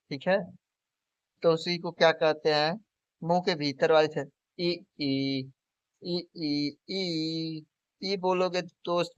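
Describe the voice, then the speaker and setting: A man's voice: on the high side, clear, resonant tone, dry recording. A man teaching a lesson for exam preparation, who asks questions and answers them himself and keeps calling the viewer his friend. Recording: dull, lo-fi recording.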